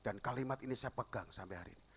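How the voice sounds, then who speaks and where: A middle-aged man preaching a sermon as pastor, telling stories and acting out the dialogue, with shouted peaks. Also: medium pitch, racing, gravelly, a little hiss or hum. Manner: animated storytelling, acts out dialogue, shouts at climaxes.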